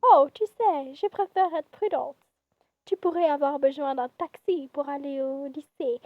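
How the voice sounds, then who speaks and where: A woman's voice: high voice, measured pace, dry recording, narrow, tinny audio. A woman voicing a fussy, doting mother in an exaggerated mixed German-English-French put-on accent. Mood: fussing.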